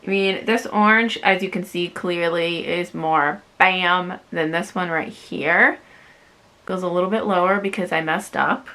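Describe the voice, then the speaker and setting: A woman's voice: fairly low pitch, steady tone, unhurried, pushed and bright. A young woman vlogging a casual makeup review, chatty and self-deprecating with lots of fillers. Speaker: beauty vlogger.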